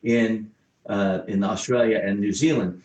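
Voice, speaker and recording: A man's voice: fairly low pitch, fairly even intonation, unhurried, darkish tone, highs cut off. Guy hosting a zoom webinar, reading questions out, sounds roomy and echoey. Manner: conversational, reads out questions. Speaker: host. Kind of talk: webinar moderation. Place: home in Australia or New Zealand. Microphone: video call. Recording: echoey room.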